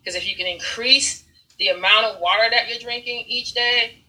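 A woman telling personal stories in casual conversation, animated, acting out scenes and swearing freely. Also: fairly high pitch, moderate pace, low-quality recording. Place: Brooklyn.

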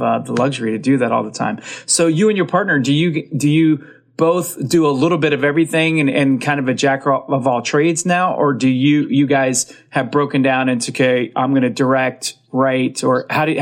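A man's voice: mid-range voice, steady tone, moderate pace, creaky. A man hosting an interview podcast, asking long rambling questions in a chatty, encouraging way. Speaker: podcast host, film coach. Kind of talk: casual interview talk.

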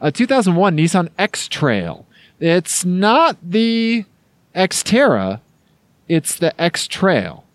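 A man's voice: high-pitched, huge pitch swings, very slow, no room sound. A man with a Missouri accent co-hosting a podcast in casual, jokey chat. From Missouri, United States. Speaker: podcast co-host.

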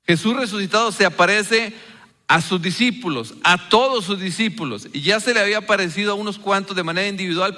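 A man's voice: sits high, bright, forceful tone, long reverb tail. A man preaching a sermon, speaking earnestly and putting rhetorical questions to his congregation. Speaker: pastor.

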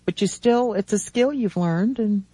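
A man in his seventies hosting a radio talk show from a studio, chatting casually in a rambling, halting way with many restarts. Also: high voice, warm tone, breathy edge, no echo.

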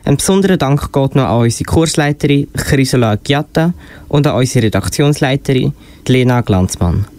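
Narrating and presenting a school radio play, a young-sounding man with a Swiss German accent reads a scripted children's story. His voice is medium-pitched, animated, a little mellow, and at a moderate pace. The dry recording is amateur and slightly noisy, with clicks.

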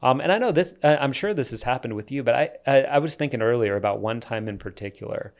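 A man's voice: mid-range voice, expressive, fast. Man, pastor, earnest, reflective, stop-start phrasing, casual church podcast talk. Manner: earnest, reflective, frequent restarts.

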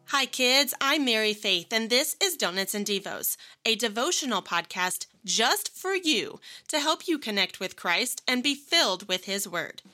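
A woman's voice: on the high side, expressive, unhurried, few pauses, bright, forceful tone, no echo. A woman hosting a children's devotional podcast, speaking sweetly and patiently like a Sunday school teacher who explains things simply.

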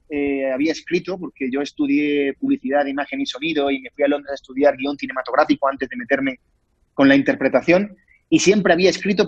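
A man with a Spanish accent from Spain, an actor being interviewed, talking in an animated, rambling way with many restarts. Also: on the high side, slightly rough, dry recording, highs cut off. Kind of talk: casual interview conversation.

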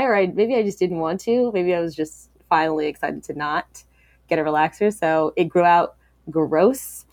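A woman's voice: fairly low pitch, dry recording, studio quality. A woman speaking as an interview guest, talking candidly and reflectively, with many fillers and restarts.

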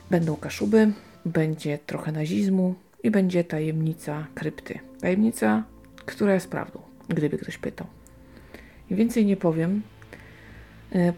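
A woman reviews books in an unscripted, casual way. Her voice is on the low side and mellow, with a lot of gravelly creak. She thinks aloud, hesitating and stretching out her pauses. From Silesia, Poland. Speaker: book reviewer. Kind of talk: casual unscripted book commentary.

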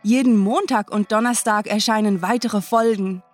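A woman hosting a podcast, delivering a tongue-in-cheek TV shopping-channel sales pitch with exaggerated, bubbly hype. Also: steady tone, moderate pace, soft background music. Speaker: podcast host.

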